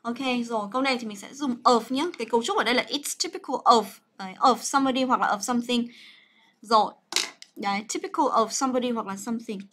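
A woman's voice: a little high, fast talker, fairly bright tone, slight background noise. Chatty woman teaching English. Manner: chatty, coaxing, full of fillers and checks like "right?". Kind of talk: livestreamed grammar lesson.

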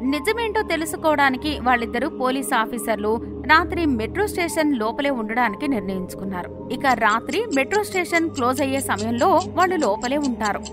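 Woman telling a spooky bedtime story, high voice, slow dramatic delivery, loud music behind. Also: animated. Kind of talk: scripted narration. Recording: narration over loud background music.

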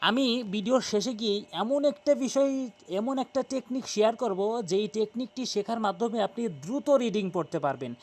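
A man teaching Quran pronunciation, spelling out letters slowly and repeating each correction. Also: high-pitched, a little mellow.

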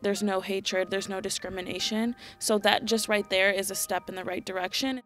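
A woman's voice: mid-range voice, fairly even intonation, normal speed, over music. Earnest young woman explaining. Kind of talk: documentary interview.

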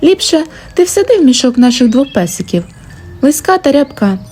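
A woman voicing a practical, thrifty peasant wife who speaks briskly in a storybook tale. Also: high voice, sing-song, a little mellow, faint music behind, voice pushed up. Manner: brisk, scolding.

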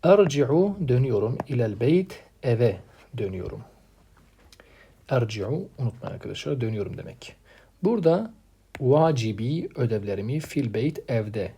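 A man's voice: mid-range voice, animated, normal speed, long pauses, mellow, husky. A male teacher walking students through a textbook lesson, reading words aloud with emphasis and then translating them plainly, often repeating key words. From Turkey. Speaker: Arabic teacher.

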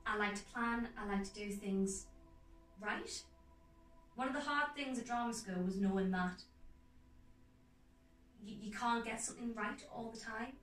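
A young woman actor talking earnestly and enthusiastically in a casual interview, in quick runs of speech. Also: fairly high pitch, a bit bright, distant mic. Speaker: guest actor. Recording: roomy echo, off-mic, faint music behind.

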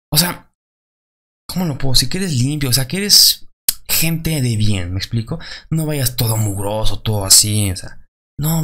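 Young mexican dude vlogging advice, super casual, lots of "¿sale?" and ums. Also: male voice, mid-range voice. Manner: chatty, loose, many fillers and tags like "¿sale?".

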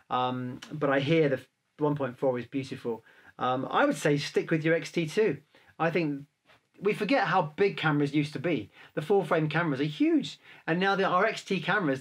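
A man, a photographer, casually answering viewer questions to camera in a relaxed, chatty way. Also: mid-range voice. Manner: chatty, relaxed, handles gear while talking.

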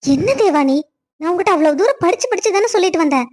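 A woman's voice: very high-pitched, animated, fast talker, a little mellow. A woman voicing a scheming, stern middle-aged stepmother in a cartoon story, who scolds and gives orders. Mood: scolding. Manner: bossy, scolding.

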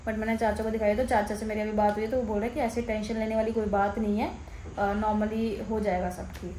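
A woman's voice: medium pitch, level tone, a little fast, mellow, a little hiss or hum. A woman vlogger in casual chat who coaxes and keeps repeating herself.

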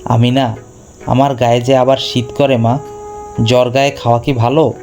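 A man voicing a poor, gentle middle-aged farmer who speaks softly and tenderly, full of sorrow, in a storybook reading. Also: mid-range voice, little pitch movement, normal speed, soft background music, lightly acted. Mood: weary.

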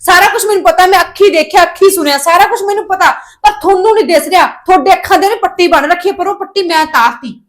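Young actress as a defiant, sharp-tongued daughter; high, rapid delivery. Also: female voice. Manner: defiant, quick arguing. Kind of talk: Punjabi family drama acting.

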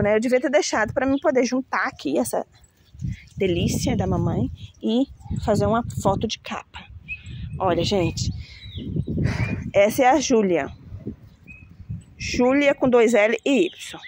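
A woman's voice: on the high side, noisy background. A woman chatting casually to her viewers about her plants, laughing at herself when she stumbles over names. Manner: chatty, self-mocking about pronouncing names. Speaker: plant vlogger showing her flowers.

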